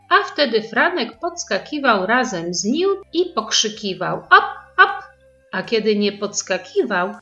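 A woman reading a children's story aloud to preschoolers, slow and expressive. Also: mid-range voice. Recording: slightly dull recording with faint music.

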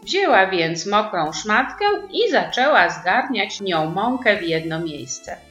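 A woman narrating a children's story with warm, animated storytelling, in a roomy recording with faint music. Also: mid-range voice, takes it slowly. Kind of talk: expressive children's story reading.

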